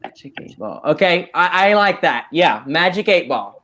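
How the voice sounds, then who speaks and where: A man's voice: fairly high pitch, big pitch swings, normal speed, sharp tone, a little hiss or hum. A man chatting casually as a contestant in a live trivia game. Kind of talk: casual chat.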